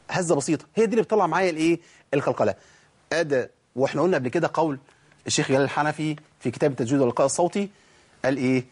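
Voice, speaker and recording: A man with an Egyptian Arabic accent teaching Quran recitation, speaking in a relaxed colloquial way and drawing out letters slowly to demonstrate them. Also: a little high, husky. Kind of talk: tajweed lesson.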